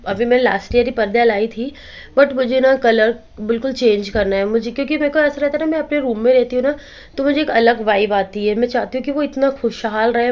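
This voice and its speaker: Chatty hoarse woman vlogging at home. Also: fairly high pitch. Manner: chatty, addresses viewers directly. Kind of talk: casual home vlog chat. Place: at home, indoors. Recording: slightly dull lo-fi phone audio with faint noise.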